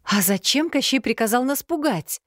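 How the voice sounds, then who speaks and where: A woman voicing a young bride who babbles flippant nonsense in a higher, lively voice. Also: normal speed, no echo, clean studio sound.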